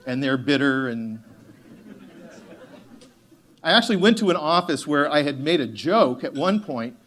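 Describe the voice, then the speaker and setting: A man giving a motivational conference talk, animated and joking, acting out the voices of the people he quotes. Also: fairly high pitch, unhurried. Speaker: keynote speaker.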